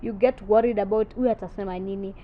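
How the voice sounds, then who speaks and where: On muffled podcast audio with a little background noise, a confident young content creator from South Sudan talks quickly, her mid-range voice fairly even in intonation. The casual interview has her chatting freely and switching between English and Swahili.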